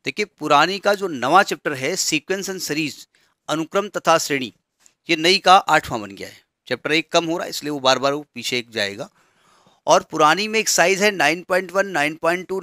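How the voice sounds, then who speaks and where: In a bright, fairly high voice, a male maths teacher steadily counts through question numbers, checking often that his students keep up. He explains textbook changes, and the audio is close and dry without room echo.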